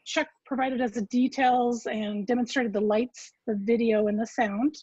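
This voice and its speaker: Woman on a group voice chat, husky, slightly high voice, dull dry call audio, steady point-by-point report. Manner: steady, list-by-list reporting with fillers. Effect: group voice chat audio that cuts out. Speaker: agency member reporting at a public meeting. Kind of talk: formal meeting report. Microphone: computer mic on a video call.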